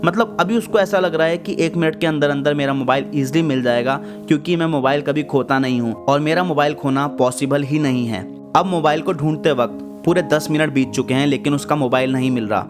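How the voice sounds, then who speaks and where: A man's voice: a little high, brisk, hardly any pauses. A man hosting a self-help talk, patiently explaining ideas step by step with everyday examples. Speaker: self-help channel host. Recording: voice over guitar background music.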